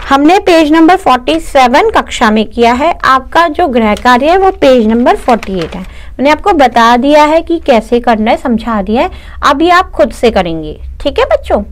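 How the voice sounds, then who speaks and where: A woman's voice: high-pitched, very animated, moderate pace, a little hiss or hum. A young woman teaching a class of young children, explaining patiently and often asking and answering her own questions, with English words mixed into her talk. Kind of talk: online class lesson for children.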